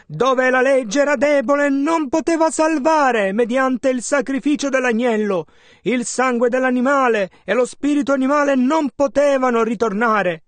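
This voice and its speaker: A man interpreting a sermon, measured and following the preacher's emphasis. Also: extremely high pitch, no echo.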